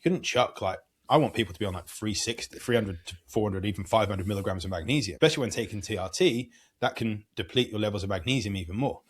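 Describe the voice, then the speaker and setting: A man's voice: lowish voice, quick pace, hardly any pauses, breathy edge. A man, a podcast guest giving long, earnest explanations as a hormone coach. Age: 30s. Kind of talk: podcast interview.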